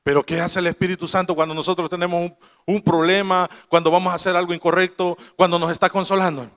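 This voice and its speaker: A man's voice: sits high, level tone, fast, a bit bright, big-room sound. A man preaching a sermon to his congregation, telling a family story with quoted voices and laughing asides. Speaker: pastor.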